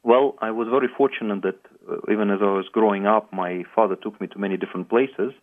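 A middle-aged man from Latvia, a priest being interviewed on radio, answering in a measured way with frequent hesitations. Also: fairly low pitch, fairly even intonation. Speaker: guest priest and pilgrimage tour founder. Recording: narrow phone-like radio sound.

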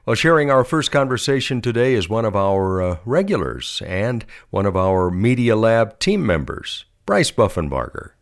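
Lively low-voiced male radio announcer. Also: moderate pace, hardly any pauses. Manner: smooth, expressive announcer delivery. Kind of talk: scripted broadcast announcing.

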